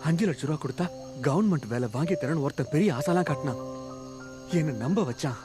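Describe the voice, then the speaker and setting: A man's voice: a little high, lively intonation, a little fast, natural voice. A man playing a tearful, anguished young man. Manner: pleading, tearful, breaking voice. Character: distraught young man confessing his sister is dying. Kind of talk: dubbed film acting. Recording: film soundtrack with music.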